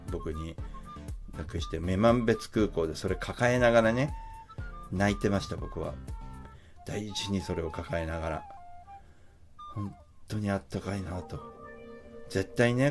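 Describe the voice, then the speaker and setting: Middle-aged male musician vlogger, deep gravelly voice, chatty storyteller. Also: darkish tone. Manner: chatty, with filler words and acted-out quotes. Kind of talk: casual storytelling to camera.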